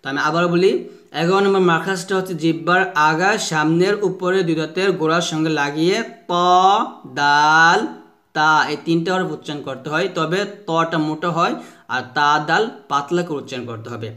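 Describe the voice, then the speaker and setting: A man with a slightly higher-than-usual voice teaches Quran letter pronunciation. He talks patiently and repeats each point, then stretches out single sounds for listeners to copy. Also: a bit bright. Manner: slow drawn-out modelling of letter sounds with repetition drills. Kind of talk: pronunciation lesson.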